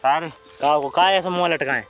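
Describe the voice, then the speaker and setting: An actor playing a scheming, persuasive young village friend, conspiratorial and rustic, in a comedy skit. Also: male voice, a little high, normal speed, fairly bright tone. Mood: gossipy.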